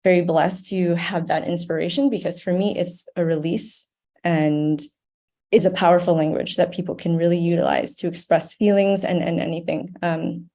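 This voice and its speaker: Here is a lowish, dark-toned woman's voice with fairly even intonation at a normal pace. She's an American raised in Ohio, appearing on a podcast as a nonprofit board member. Her interview manner is earnest, thoughtful and reflectively conversational.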